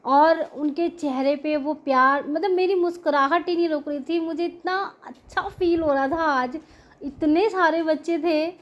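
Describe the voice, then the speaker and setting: A middle-aged woman gives a devotional testimony to her fellow devotees. She speaks earnestly and warmly, with deep gratitude in her telling. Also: fairly even intonation, unhurried, highs cut off. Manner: earnest, grateful, heartfelt storytelling. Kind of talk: devotional testimony to a prayer group.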